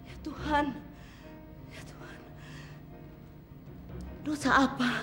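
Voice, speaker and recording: A woman's voice: high-pitched, steady tone, slow pace, over music. An actress playing a distraught middle-aged mother who scolds her grown son and then despairs. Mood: despairing. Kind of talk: TV drama acting.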